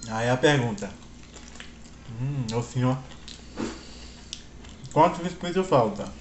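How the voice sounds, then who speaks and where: A man's voice: medium pitch, animated, slow pace, reverberant, slight background noise. A man chatting casually to his viewers with his mouth full while eating on camera. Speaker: mukbang vlogger.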